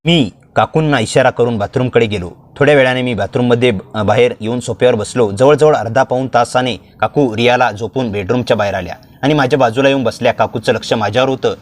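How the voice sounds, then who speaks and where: A man narrating a first-person story with steady, plain reading. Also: medium pitch, fast talker, hardly any pauses.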